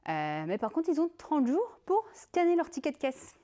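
A woman gives a technical talk at a conference, chatting through it in a lively, conversational way. Her voice sits a little high, and her speech is full of fillers and quick asides. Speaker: conference speaker.

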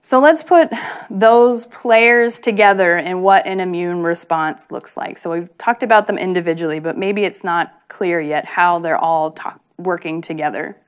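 A woman's voice: lowish voice, moderate pace. A woman research scientist giving a patient, plain-spoken public lecture, with frequent ums.

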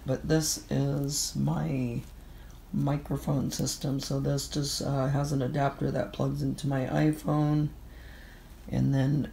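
A woman's voice: extremely low pitch, gravelly, darkish tone, slight background noise. A middle-aged woman with a stuffy, nasal voice, sniffling with a bad cold as she talks casually through a gear vlog. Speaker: vlogger. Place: indoors in a room at home.

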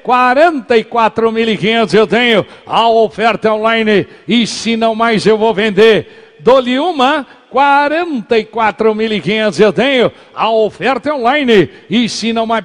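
A man calling an auction, repeating the standing bid over and over in a chant. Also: very high-pitched. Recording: reverberant hall.

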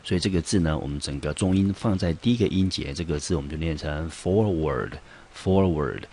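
A man's voice: low-pitched, quick pace, a little mellow. A man from Taiwan with a Taiwanese Mandarin accent, teaching English vocabulary in a patient classroom style and asking rhetorical questions. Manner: explains patiently, asks students rhetorical questions.

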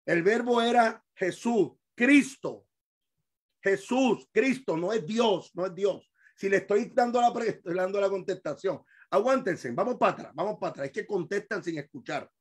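A man preaching and teaching a Bible study to his congregation in Spanish. He repeats key words, quizzes his listeners and swings between hushed asides and shouted emphasis. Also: high voice, normal speed. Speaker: pastor. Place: church hall.

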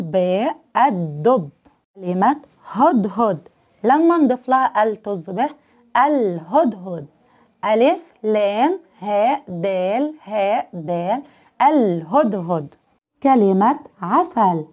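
A woman's voice: mid-range voice, very animated, slow pace, darkish tone. A woman teacher reviews spelling for young children, sounding words out letter by letter and praising each answer. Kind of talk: kindergarten Arabic spelling review.

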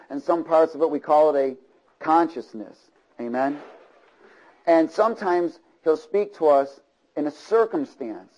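A man with a fairly high, slightly mellow voice preaches a sermon to a congregation in church, and the audio quality is poor. He uses rhythmic repeated phrases and keeps checking for agreement, drawing call-and-response from the listeners.

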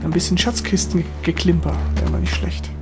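A man giving excitable gameplay commentary, swearing at enemies and cheering himself on. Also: sits high, moderate pace. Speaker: let's player. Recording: voice over game music and gunfire.

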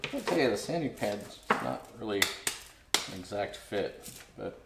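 A man's voice: on the low side, expressive, a little slow, creaky. A man in his forties hosting a casual tool review vlog, thinking aloud with many fillers, recorded in his home garage workshop on a camera mic. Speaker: woodworking channel host. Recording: echoey garage with loud background noise.

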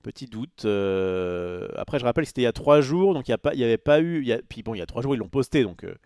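A man's voice: mid-range voice, lively intonation, fast, a little mellow, no echo. Rambling man live-streaming, dry mic. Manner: rambling, lots of fillers and restarts, reads out chat. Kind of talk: casual live-stream chat.

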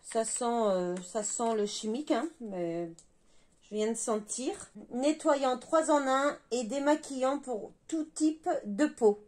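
A woman's voice: fairly high pitch, slow, darkish tone. A woman reviewing a beauty box, talking hesitantly and reading product labels aloud.

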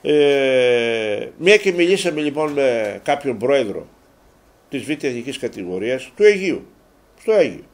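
A man hosting a local TV sports show, talking casually to viewers. He rambles, repeats himself and gets loud and worked up when he rants. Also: medium pitch, very animated. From Greece. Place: local TV studio.

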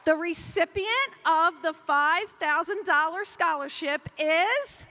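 A woman's voice: extremely high pitch, takes it slowly, pushed and bright. A woman hosting an event and enthusiastically announcing award winners. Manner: upbeat, enthusiastic presenter. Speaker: event host.

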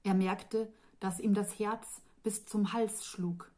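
A woman author reading her own fantasy novel aloud in a calm, measured storytelling voice. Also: mid-range voice. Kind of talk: audiobook fantasy narration.

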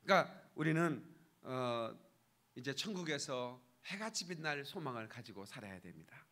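A pastor speaks to his church congregation in an expressive, medium-pitched, fairly bright voice at a moderate pace. His relaxed sermon constantly invites their agreement, punctuated by abrupt loud moments of emphasis.

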